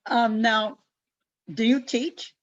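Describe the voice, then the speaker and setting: A woman's voice: on the high side, fairly even intonation, slow pace, lo-fi sound. A woman hosting an interview, asking short questions and reacting with brief words and laughs. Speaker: interview host. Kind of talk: casual interview chat.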